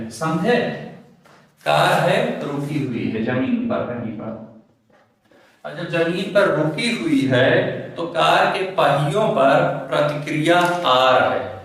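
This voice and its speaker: A man's voice: on the high side, a bit bright. A male physics teacher giving an exam-prep lecture, asking questions to the class and answering them himself. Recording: very echoey room, mic far off.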